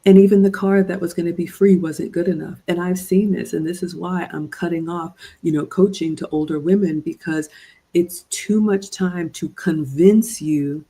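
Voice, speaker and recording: A middle-aged woman from Ghana hosts a livestream as a relationship coach, lecturing her female viewers in an earnest, preachy way. Her voice is dark and gravelly, with a fairly flat, even delivery. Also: on the low side, moderate pace, poor audio. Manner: earnest, preachy, addresses "ladies" directly. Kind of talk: livestream commentary with viewer shout-outs.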